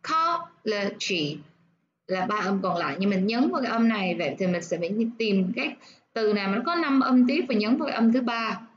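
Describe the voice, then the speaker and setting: A woman teaching nursing English, explaining step by step and repeating words slowly to show where the stress falls. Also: mid-range voice, highs cut off, a little hiss or hum.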